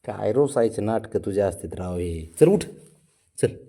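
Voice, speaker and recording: A man's voice: lowish voice, animated, normal speed, dark tone. A man at home coaxing his sulking pet cat, calling it again and again and pleading with it to get up. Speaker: pet owner.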